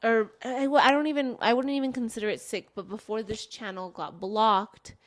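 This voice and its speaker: A young woman with a slightly high voice chats casually on a podcast. She is pregnant and talks in a rambling, loose way, laughing often between thoughts. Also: steady tone, normal speed. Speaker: podcast co-host. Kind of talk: casual chat.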